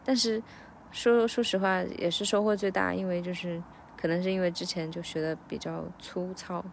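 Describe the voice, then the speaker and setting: Woman teacher, thoughtful and self-coaching, slightly low voice. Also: flat delivery, creaky, a little hiss or hum. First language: Chinese. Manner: reflective, breaks lyrics into slow drills. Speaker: English teacher practicing song lyrics. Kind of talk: casual self-recorded practice vlog.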